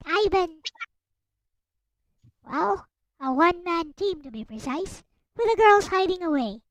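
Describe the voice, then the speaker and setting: A woman hosting a stream reads a visual novel aloud in a high, girlish voice, keeping up a playful, casual commentary. The rough recording has no room sound, though music plays behind her voice.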